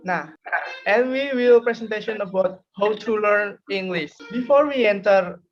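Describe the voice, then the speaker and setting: A young woman giving a class presentation, pausing and correcting herself often. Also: medium pitch, lo-fi sound, soft background music. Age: young adult. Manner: hesitant, self-correcting. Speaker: student presenter.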